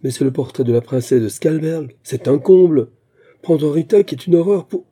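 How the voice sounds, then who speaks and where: A man's voice: medium pitch, a little fast, warm tone, breathy edge, lightly acted. A man reading the part of a sly, calculating young actress in an audiobook, with a chirpy, coaxing manner.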